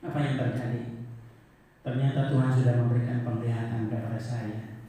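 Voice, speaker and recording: A middle-aged man, a pastor, preaching a sermon with personal testimony, swinging between loud, high exhortation and soft, low confiding. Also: flat delivery, fairly quick. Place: large church hall. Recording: echoey hall, voice from far off.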